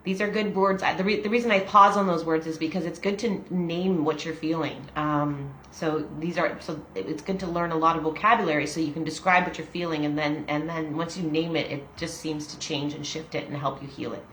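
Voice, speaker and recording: In an echoey room with slight background noise, a forties-aged woman hosts a laid-back video, reading out a daily meditation and sharing personal experience with laughter and many fillers. Her low, a bit bright voice stays fairly even in intonation, running a little fast with few pauses.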